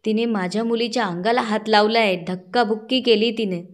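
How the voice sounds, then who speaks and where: Lady doing a mad mom yelling at the neighbors, high and loud, won't back off. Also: steady tone, a little fast, lightly acted. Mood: angry. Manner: angry, shouting and defiant. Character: furious protective mother, shouting neighbor.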